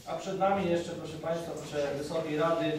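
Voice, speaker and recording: Halting official in an echoey hall. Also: male voice, a little high, fairly even intonation, a crowd in the background. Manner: halting, with many filler sounds. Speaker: municipal official presenting the budget. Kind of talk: formal council speech. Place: council meeting hall. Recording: echoey hall recorded from a distance, background noise.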